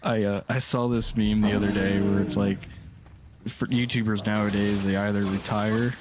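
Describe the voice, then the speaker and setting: Profane, excitable young man streaming. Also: lowish voice, normal speed, heavy background noise. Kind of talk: casual gaming chat. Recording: music playing behind.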